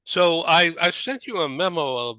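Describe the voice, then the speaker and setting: Male talk show host, bright, chatty, dry audio. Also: a little high, expressive, normal speed, no room sound. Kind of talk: casual video-call interview.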